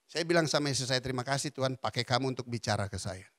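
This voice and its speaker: A man's voice: mid-range voice, very fast, no room sound, studio quality. A male pastor preaching a sermon, telling stories with frequent laughter. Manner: animated storytelling preacher, laughing often.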